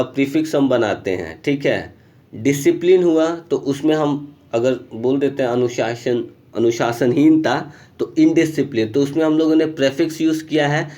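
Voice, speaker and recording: Mellow-voiced male teacher explaining grammar. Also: mid-range voice, highs cut off. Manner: explains patiently, repeats "ठीक है" and calls students "Babu"; reads English rules slowly word by word. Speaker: school English teacher. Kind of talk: grammar lesson in Hindi over screen recording. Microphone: screen recorder mic.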